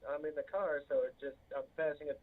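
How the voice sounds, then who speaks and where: A high-voiced man phones in over a car's Bluetooth hookup, and his voice comes through thin and tinny like a cheap phone line. He talks in an insistent, hurried way. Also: fairly even intonation. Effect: Bluetooth phone call from a car. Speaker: caller. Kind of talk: casual call-in chat. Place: in a moving car.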